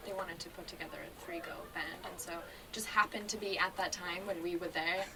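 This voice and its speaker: Young singer girl from kenya w/ british accent, talks super fast, mic a bit far, noisy background. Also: fairly low pitch, steady tone. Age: young adult. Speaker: singer, guest. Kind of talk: casual interview chat.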